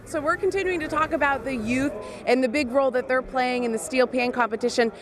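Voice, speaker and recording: Woman reporter at an outdoor music event, kinda high voice, upbeat. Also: fairly quick, crowd noise. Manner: upbeat, encouraging questions. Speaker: carnival reporter. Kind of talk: field interview.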